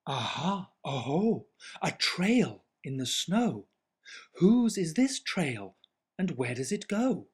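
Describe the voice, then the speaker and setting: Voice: medium pitch, big pitch swings, slow pace, husky, pitched above the performer's own voice, exaggerated voice. A storyteller voicing a brave, curious young girl monster in a children's storybook.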